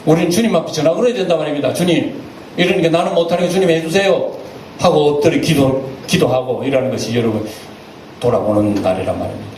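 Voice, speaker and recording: A male pastor with a Gyeongsang accent preaching a sermon, emphatic, swinging between loud exclamations and low asides. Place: church sanctuary. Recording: echoey church hall, distant mic, faint hiss.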